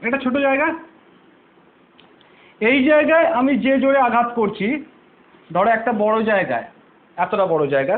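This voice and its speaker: In an online physics lesson, a man with a very high voice patiently explains each idea step by step. He often poses rhetorical questions and answers them himself, repeating key terms. The sound is thin, like a phone line.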